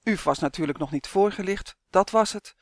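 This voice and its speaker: Steady, clear children's storybook narrator; mid-pitched, dry studio sound. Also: moderate pace, no room sound. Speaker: audiobook narrator.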